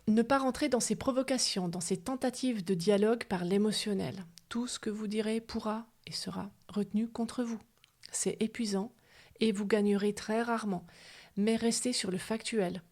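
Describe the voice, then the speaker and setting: A woman hosting a podcast, giving calm, measured advice in a partly read talk, softly spoken in places. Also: mid-range voice. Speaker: podcast host.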